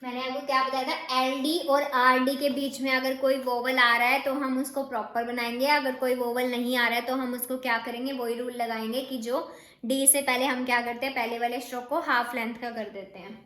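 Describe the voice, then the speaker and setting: The recording, made in an echoey room, features a woman steno teacher whose voice sits high with little pitch movement, sounding bright and forceful at a slightly fast clip. She explains shorthand rules informally, frequently repeating rhetorical questions to students and then answering them.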